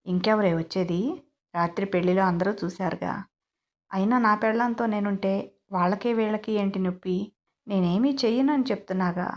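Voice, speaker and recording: A woman's voice: medium pitch, brisk, natural voice. A woman voicing a brash, playful young groom who teases and insists. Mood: insistent. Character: bold teasing young man, newly married groom.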